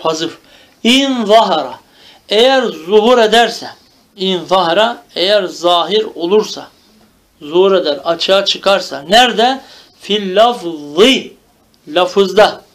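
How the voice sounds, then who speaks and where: Man, high-pitched voice, grammar teacher who quizzes his students and repeats key terms. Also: fairly bright tone. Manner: explains by question and answer, repeating each term. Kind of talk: lecture.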